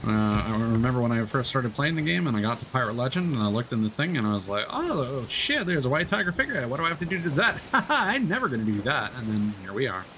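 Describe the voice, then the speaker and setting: A man's medium-pitched, slightly bright voice swings widely in pitch as he talks quickly with few pauses, and the audio quality is poor. He's streaming a game and rambling through fishing tips, hesitant and full of fillers and restarts, with faint noise behind him.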